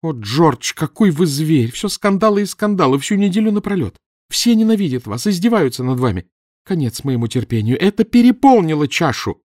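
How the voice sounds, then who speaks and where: A man voicing a shrill, furious middle-aged wife who scolds her husband in a high, shrieking voice, in an audiobook. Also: very animated, a little fast, few pauses, no echo, clean studio sound. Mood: shrill scolding. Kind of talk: audiobook character voice.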